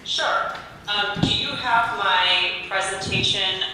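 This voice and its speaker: A remote presenter for a company, a woman with a medium-pitched voice, gives a halting, filler-heavy business presentation from a remote location via a phone on speakerphone. Her voice plays through a room speaker into an echoey meeting hall, with background noise.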